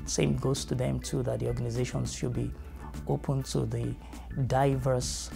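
A middle-aged man from Nigeria with a Nigerian accent, answering interview questions in a measured, earnest way with frequent fillers. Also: mid-range voice, little pitch movement, vocal fry, over music. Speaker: family educator. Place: studio with dark backdrop.

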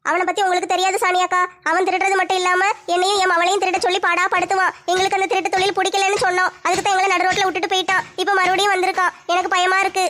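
A woman's voice: extremely high pitch, level tone, very fast, few pauses, fairly bright tone. A woman playing a frightened, tearful young wife who complains about her husband in a comedy skit. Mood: worried. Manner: pleading, worried.

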